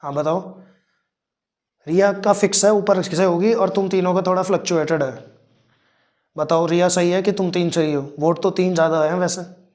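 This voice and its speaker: A man's voice: high-pitched, fairly even intonation, darkish tone. Teasing male chemistry teacher. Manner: affectionate, teasing and scolding, calls students "beta"; counts and spells out formulas slowly step by step. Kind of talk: online chemistry class.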